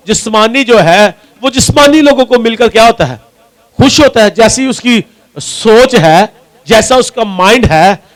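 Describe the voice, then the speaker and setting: A man's voice: sits high, rough recording. A male pastor from Pakistan with a Punjabi accent, preaching a sermon and answering his own questions to the congregation. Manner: asks the congregation questions and answers them himself; repeats key lines for emphasis.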